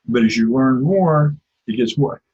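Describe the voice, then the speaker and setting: A man's voice: medium pitch, measured pace, darkish tone, husky. A man teaching an informal religious class, talking in a conversational way and telling personal stories. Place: lives in Israel. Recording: dull lo-fi recording.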